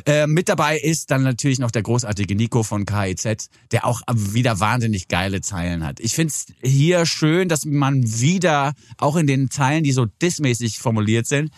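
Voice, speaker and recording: A man in his forties co-hosting a casual music podcast, talking about songs at length with lively enthusiasm. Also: mid-range voice, moderate pace, few pauses, dry recording, clean studio sound. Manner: animated, enthusiastic, explains at length. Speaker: podcast co-host. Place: studio in a cellar.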